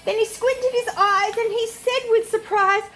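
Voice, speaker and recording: A woman's voice: very high-pitched, measured pace, faint music behind. An older woman, a sweet old lady and doting grandmother, reads a children's storybook aloud expressively and adds chatty asides for her grandchildren. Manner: animated, expressive reading.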